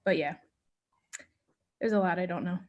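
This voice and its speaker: A woman's voice: lowish voice, normal speed, muffled recording. A woman sharing thoughts in a casual group discussion, chatty and leaning on "like" as she talks. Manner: chatty, leans on "like". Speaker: class participant with a cognitive science degree.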